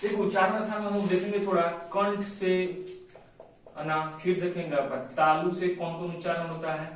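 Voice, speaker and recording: A man teaching Hindi grammar in a lecture, forever adding "है ना" and slowing down to dictate notes. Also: high voice, level tone. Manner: repeats the tag "है ना" constantly, slows to dictate notes. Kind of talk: classroom lecture, explaining and dictating. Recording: very echoey room, from a distance, faint noise.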